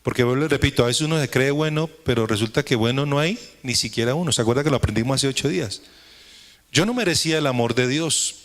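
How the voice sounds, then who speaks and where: A man's voice: medium pitch, fast talker. A male pastor preaching a sermon to a congregation, repeating phrases for emphasis and often asking the listeners rhetorical questions. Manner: emphatic, repetitive preaching cadence. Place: church service with congregation.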